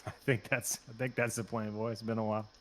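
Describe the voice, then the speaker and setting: A man who works as a game voice actor, chatting as a guest in a relaxed, hesitant way, calling in remotely. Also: fairly low pitch, quick pace, a little hiss or hum. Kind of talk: casual chat as a guest.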